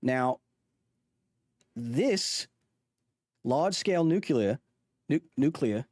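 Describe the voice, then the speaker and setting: Talking very slowly yet with lively intonation, a medium-pitched, slightly mellow man rambles through a chart for his livestream chat. He's doing a mock Australian accent, restarting and self-correcting a lot along the way, all in clean studio sound without echo.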